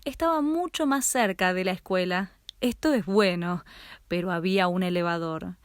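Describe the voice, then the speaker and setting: A woman narrating a first-person story in a dramatic, expressive way. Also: fairly low pitch, normal speed, smooth, no room sound, clean studio sound.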